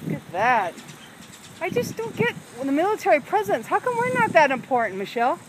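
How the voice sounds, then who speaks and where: A woman's voice: high-pitched, big pitch swings, brisk. Chatty woman filming outdoors on a phone. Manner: wry, questioning, chatty. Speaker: vlogger filming a walk. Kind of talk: casual running commentary. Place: outdoors in a seaside park by a road. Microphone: handheld phone camera. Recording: outdoor phone audio with wind and traffic noise.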